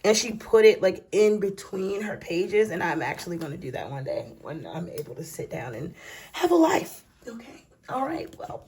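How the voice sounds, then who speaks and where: A woman's voice: medium pitch, very animated, normal speed, darkish tone, husky. A woman casually walking viewers through her planner late at night, sleepy and yawning, chatty and folksy, calling them y'all and child. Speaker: planner vlogger. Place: at home.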